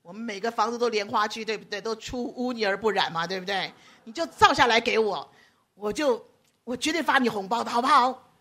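A woman preacher, giving a lively sermon, teasing her listeners by name and acting out quoted voices. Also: a little high, brisk. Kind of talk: lively sermon with audience banter.

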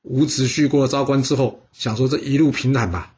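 A man telling a history story casually, with drawn-out particles and asides to listeners. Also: medium pitch, a little mellow.

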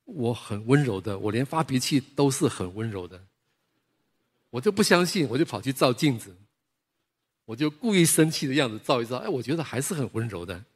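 A man's voice: mid-range voice, fairly quick, breathy edge. A middle-aged man, preaching a sermon full of personal stories. He acts out the dialogues in them and chuckles as he talks. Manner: lively storyteller who acts out dialogues and chuckles. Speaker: pastor.

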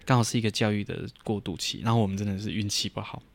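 A man, co-hosting a podcast and telling stories in a lively, laughing way. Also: on the low side, very fast. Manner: animated, laughing storyteller. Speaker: podcast co-host. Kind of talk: casual chat, storytelling.

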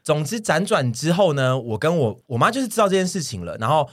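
A young man with a Taiwanese Mandarin accent, co-hosting a podcast in casual chat and telling a story with lively acted-out quotes. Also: on the high side, fast talker. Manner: animated storyteller, acts out his own shouting in quotes. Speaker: podcast co-host.

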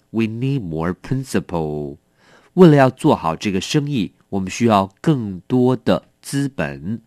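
A middle-aged man teaching English vocabulary. He reads each word slowly and carefully, then speeds up when he adds warnings and asides. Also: lowish voice, no room sound, clean studio sound. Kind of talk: explaining a word list.

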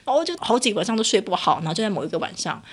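A Taiwanese-accented woman co-hosts a relaxed podcast. She tells stories quickly and expressively. Her voice jumps up in pitch as she relives her frustrations. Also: husky. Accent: Taiwanese Mandarin. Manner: animated storyteller, voice rises sharply when reliving frustration. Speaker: podcast co-host. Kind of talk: casual storytelling chat.

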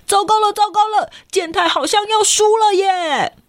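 Woman voicing a panicky schoolgirl, very high and urgent. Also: normal speed, a bit bright. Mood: alarmed. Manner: urgent, breathless alarm. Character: alarmed excitable schoolgirl.

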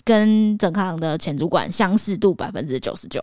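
A woman's voice: on the low side, animated, moderate pace, a little mellow, no echo, studio quality. Blunt woman co-host. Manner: reacting, teasing, blunt. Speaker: podcast co-host. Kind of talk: casual chat.

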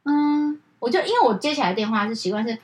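A woman in her thirties with a high voice tells a story on a casual podcast. She is animated and acts out both sides of a phone call. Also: fast talker. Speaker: podcast co-host.

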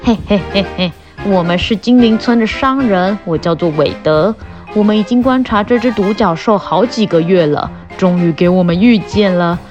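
A woman's voice: mid-range voice, normal speed, dull audio, over music, voice pushed down, lightly acted. A woman voicing a sly, greedy male merchant in a children's storybook, gloating as he talks.

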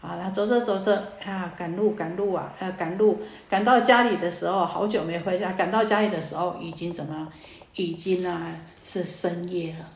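A woman Buddhist dharma teacher giving a sermon, telling a story in a lively way with many fillers. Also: lowish voice, moderate pace. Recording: roomy echo, faint ambience.

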